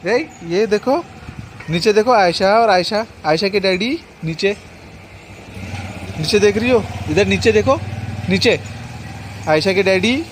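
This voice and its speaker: A young father with a western Uttar Pradesh Hindi-Urdu accent, filming a casual vlog and gently, playfully coaxing his small child. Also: high-pitched, measured pace, long pauses. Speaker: vlogger and father. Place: outdoors by a street market. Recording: outdoor phone recording with loud street noise.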